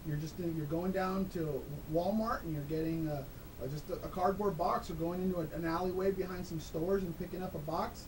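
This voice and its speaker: Interview guest, male, voice run through a disguiser, a bit high, rambling and casual, constant hiss behind. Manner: rambling, restarts, tags okay? onto points. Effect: electronic voice disguiser. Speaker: guest, dice control video maker.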